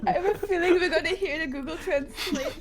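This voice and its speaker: A woman playing in a tabletop game, giggly and animated as she chats. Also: extremely high pitch, fairly quick. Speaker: player. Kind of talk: casual chat.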